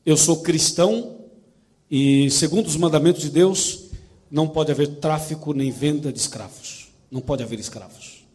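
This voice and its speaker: A preacher voicing a gentle generous farmer. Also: male voice, a little high, normal speed, breathy edge, pitched below the performer's own voice.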